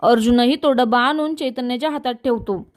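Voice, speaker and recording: A woman narrating a recap of a television serial episode in a steady, scripted storytelling style. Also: on the high side, fairly quick.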